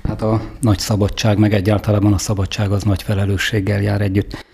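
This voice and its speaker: A man's voice: fairly low pitch, completely flat delivery, a little mellow. A man hosting a radio interview, asking questions in a formal, courteous way. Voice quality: gravelly and husky. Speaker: radio host.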